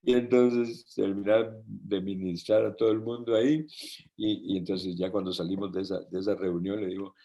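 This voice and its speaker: A man's voice: lowish voice, steady tone, normal speed, vocal fry, dark tone, muffled recording. A man preaching a conversational sermon, telling personal stories and checking in with listeners through frequent tag questions. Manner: tells personal anecdotes with light laughter.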